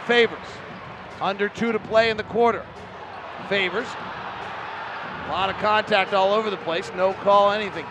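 A man with a high, gravelly voice calls a basketball game play by play in quick clipped bursts. Loud arena noise fills the background of the broadcast. He surges into shouts when a big play lands. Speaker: play-by-play commentator. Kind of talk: live basketball commentary.

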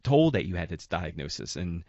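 A man's voice: low-pitched, big pitch swings, moderate pace, darkish tone, no echo, dull audio. A man hosting an interview, asking long, rambling questions full of "you know". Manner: rambling, searching for words with many "you know"s. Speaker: podcast host.

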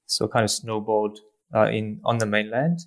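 Australian male lecturer, 30s, low monotone, hesitant guest-interview delivery. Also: moderate pace. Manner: hesitant, many ums and uhs. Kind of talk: academic interview answers.

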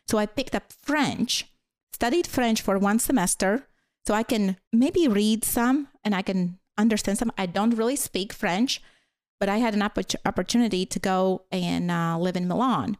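Telling stories in a casual conversation as a guest, this woman from Latvia uses English, a later-learned language, with a Latvian accent. Her mid-range voice moves at normal speed as she rambles through fillers and apologetic laughs. It's studio quality with no echo.

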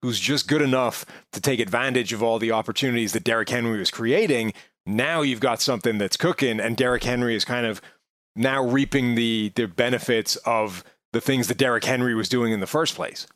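A man's voice: mid-range voice, brisk, fairly bright tone, no echo, clean studio sound. A man giving conversational sports commentary, reasoning his way through an argument step by step in a discursive way. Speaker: sports podcast analyst.

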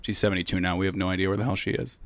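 Low-voiced man trading deadpan puns. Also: racing. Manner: deadpan pun delivery, laughs at own jokes. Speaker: podcast co-host. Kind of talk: casual joke-swapping chat. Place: small shed podcast studio.

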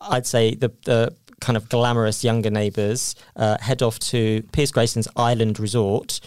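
A man's voice: medium pitch, flat delivery, normal speed, darkish tone, clean tone, no echo, studio quality. A man chatting casually on a podcast about soap operas, talking through stories with lots of fillers and restarts.

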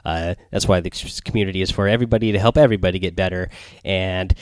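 A man hosting a casual gaming podcast in a quiet, subdued late-night manner, rambling and hesitant as he goes. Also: low-pitched, steady tone, fast talker, dry recording, clean studio sound. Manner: quiet, subdued late-night delivery, holding back so as not to wake others. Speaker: solo podcast host. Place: small home recording space near bedrooms.

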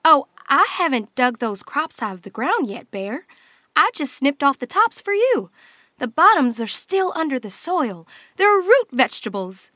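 A woman voicing a clever, hardworking mother rabbit in a children's story, with a cheerful, brisk and matter-of-fact way of talking. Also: high-pitched, sing-song, bright, forceful tone, dry recording, full character voice.

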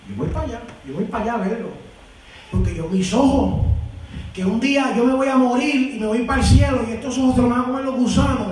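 Male preacher, high voice, shouts fervently, distant mic in a booming hall. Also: slight background noise. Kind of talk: sermon. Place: church hall. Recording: echoey hall from far off with congregation.

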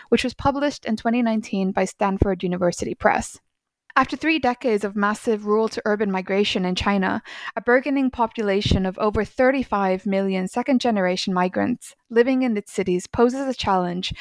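A woman's voice: mid-range voice, no room sound. Woman podcast host, dry close sound. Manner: reads a formal, polished introduction. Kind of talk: podcast interview hosting.

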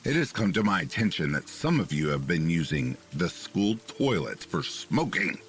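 A man's voice: low voice, very animated, normal speed, fairly bright tone, a little hiss or hum, heavily acted. A man voicing a stern, scolding female school headmistress in a horror story reading.

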